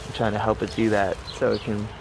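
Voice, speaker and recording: Low, gravelly man chatting outdoors. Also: little pitch movement, fairly quick. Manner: laid-back, mildly profane. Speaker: gardener vlogger. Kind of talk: casual walk-and-talk garden vlog. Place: outdoors in a garden. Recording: noisy outdoor recording with ambient sounds. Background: outdoor ambience.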